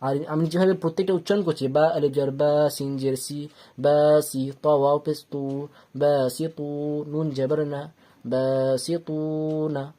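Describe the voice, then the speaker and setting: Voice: mid-range voice, steady tone, moderate pace, warm tone. A teacher giving a Quran reading lesson, patiently spelling out letters syllable by syllable and drawing out the long vowels. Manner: patient, repeats each step and checks understanding.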